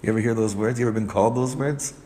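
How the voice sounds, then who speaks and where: A man teaching a study class, reading Hebrew lines quickly and then translating them and asking his students questions. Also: lowish voice, dark tone. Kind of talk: animated text study with students. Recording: reverberant room with faint background noise.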